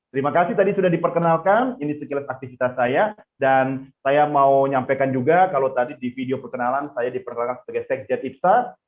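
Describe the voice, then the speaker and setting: A man teaching public speaking in an online class, lively, calling on students and praising their answers. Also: a little high. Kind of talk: online class for pageant contestants. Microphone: video call. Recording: tinny phone-like audio.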